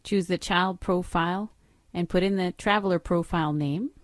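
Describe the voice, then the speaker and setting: A middle-aged woman, a software trainer, narrates a screen-recorded training walkthrough in a matter-of-fact instructional way, explaining each step. Her voice is fairly low and moderately paced, with clean studio sound and no echo.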